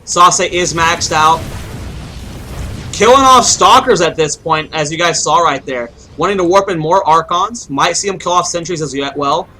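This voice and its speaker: Solo esports caster, young man, high bright voice, rambling play-by-play. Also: moderate pace, rough recording. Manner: rambling, thinks aloud with restarts. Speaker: game caster.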